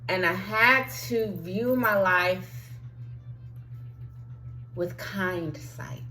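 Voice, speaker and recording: A woman's voice: mid-range voice, drawn-out words, bright, forceful tone, soft background music. A woman giving a heartfelt, encouraging motivational monologue as a spiritual life coach, talking straight to her listeners and sometimes dropping to a near whisper. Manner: earnest, encouraging, addresses listeners directly.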